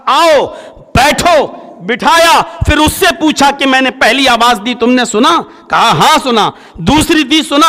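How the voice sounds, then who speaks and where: A male Islamic preacher giving a sermon, telling a story and acting out its dialogue with swings in pitch. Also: bright, forceful tone, big-room sound. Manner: storytelling, acts out dialogue with rising and falling pitch.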